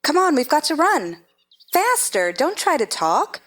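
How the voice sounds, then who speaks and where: A woman's voice: sits high, big pitch swings, measured pace, a bit bright, full character voice. A woman playing a haughty, bossy chess-piece queen who gives imperious, scolding orders in a theatrical stage-play reading. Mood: urgent, commanding. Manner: imperious, clipped commands, scolding.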